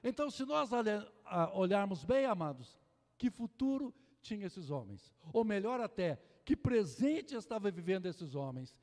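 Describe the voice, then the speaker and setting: A male Brazilian pastor preaching a fervent sermon, full of hallelujahs, moving between loud exclamations and hushed storytelling. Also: high-pitched, big pitch swings, moderate pace. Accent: Brazilian Portuguese. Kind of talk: Pentecostal sermon. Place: church sanctuary. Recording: long hall reverb in a church.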